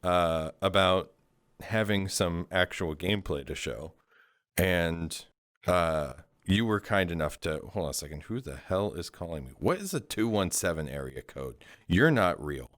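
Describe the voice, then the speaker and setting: A man's voice: deep voice, animated, a little slow, a bit bright, dry recording, clean studio sound. A man hosting a casual chat show, rambling and cracking sarcastic jokes. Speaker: show host.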